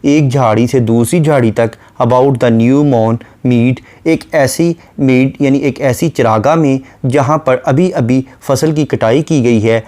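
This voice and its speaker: A man giving a poetry lecture. He reads each English verse line slowly, then explains it in Urdu-flavoured Hindi, and goes through literary terms in a brisk, methodical way. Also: mid-range voice, a little mellow.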